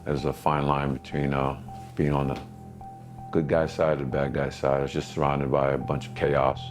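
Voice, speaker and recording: A man of forty, introducing himself calmly in a documentary interview. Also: extremely low pitch, normal speed. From New York. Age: 40s. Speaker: security company owner. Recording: faint music underneath.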